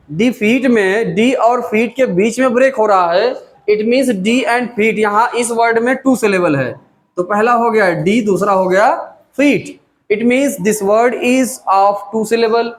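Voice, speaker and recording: A male teacher with an Indian accent speaks in a fairly high voice, drawing each definition out slowly so it can be copied down. He moves between Hindi explanations and English terms in a patient classroom manner. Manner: slow, dictating definitions word by word.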